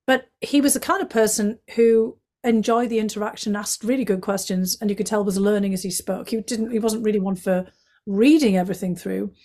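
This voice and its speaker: A woman's voice: medium pitch, steady tone, a little fast, warm tone. Middle-aged Northeast English woman, candid. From County Durham, England. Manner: fluent and candid, with frequent fillers and restarts. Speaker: guest, former intelligence analyst. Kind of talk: conversational interview answers.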